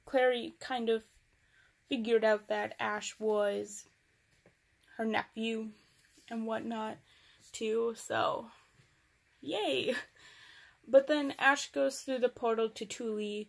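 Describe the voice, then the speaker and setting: A woman's voice: fairly high pitch, fairly even intonation, slow, gravelly. A young woman casually recapping a novel on her vlog, chatty and rambling, with sarcastic asides. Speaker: book reviewer.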